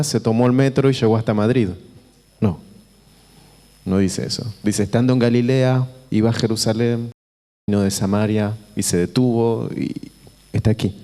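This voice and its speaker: A visiting preacher from Buenos Aires, speaking with an Argentine Spanish accent, gives an informal sermon in a church auditorium. He is conversational and halting, repeating phrases and checking in with listeners, his voice mid-range and warm. The hall is reverberant with a long echo.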